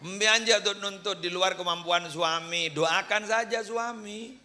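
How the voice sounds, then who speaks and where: A man's voice: high-pitched, a little slow, sharp tone. A man giving a humorous religious lecture, joking with his listeners and leading prayers aloud. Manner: jokes with the crowd and leads prayers aloud. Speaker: preacher.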